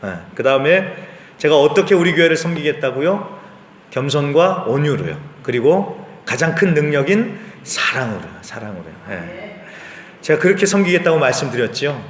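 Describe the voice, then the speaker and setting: Animated pastor preaching in echoey church. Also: male voice, on the high side, moderate pace, a little hiss or hum. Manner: conversational preaching with frequent rhetorical questions and affirming "yes". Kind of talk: sermon. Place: church sanctuary. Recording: echoey church hall reverb.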